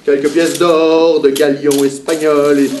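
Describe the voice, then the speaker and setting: An actor with a Québécois accent playing a playful, boastful pirate who talks with the children in a live stage show. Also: male voice, a little high, level tone, a little slow, a little mellow, natural voice. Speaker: children's entertainer. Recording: echoey hall, mic far off, background noise.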